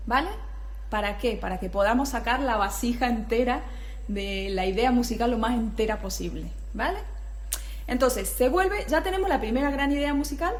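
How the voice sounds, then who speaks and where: A young woman teaching flute phrasing, explaining patiently and often checking that her students follow. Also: a little high. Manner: scat-sings rhythms between phrases. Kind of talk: music tutorial.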